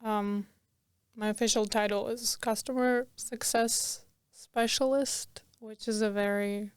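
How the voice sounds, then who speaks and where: Young woman from Croatia, guest; smooth, even delivery, chatty with frequent laughs. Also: medium pitch, no room sound. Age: young adult. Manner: chatty, laughs often, many fillers. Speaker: podcast guest. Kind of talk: casual interview.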